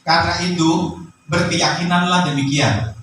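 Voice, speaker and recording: A man pastor preaching a sermon, bursting into loud rising phrases and asking the congregation questions. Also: a little high, fairly even intonation, normal speed, very echoey, distant mic, slight background noise, rough recording.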